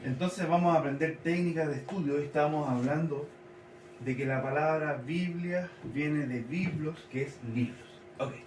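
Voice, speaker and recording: A man teaching a sermon to his congregation, slowly repeating and spelling out key words. He is recorded in a church hall. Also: a little high, darkish tone, a little hiss or hum. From Chile. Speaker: pastor. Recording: echoey church hall, mic at a distance.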